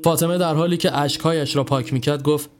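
A man narrating a scripted horror story in a measured, even storytelling voice. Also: fairly high pitch, soft background music.

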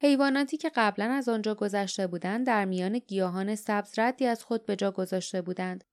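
A woman narrating an audiobook in a steady storytelling read. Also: medium pitch.

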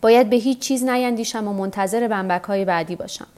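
A woman's voice: mid-range voice, a little mellow, natural voice. A woman reading the part of a weary, stubborn old fisherman who talks to himself. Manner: talks to himself, tired and rueful.

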